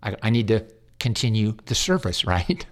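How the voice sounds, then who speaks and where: Rambling chaplain with a lowish voice. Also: male voice, big pitch swings, moderate pace. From United States. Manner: rambling storyteller with repeated words and acted quotes; earnest and pastoral. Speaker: hospice chaplain. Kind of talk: storytelling in a faith interview.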